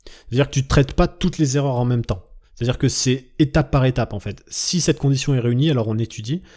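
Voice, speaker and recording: A man's voice: medium pitch, fast talker, darkish tone. A man teaching a coding tutorial over his screen, explaining step by step, checking in with the viewer and thinking aloud as he types. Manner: explains step by step, often asks "d'accord?"; thinks aloud while typing, trailing off. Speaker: coding instructor.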